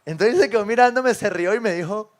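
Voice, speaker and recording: Man, pastor, high voice, conversational sermon, storytelling. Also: fairly quick. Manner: conversational, often asks the congregation for agreement; tells stories with quoted dialogue and chuckles. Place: church service with a congregation.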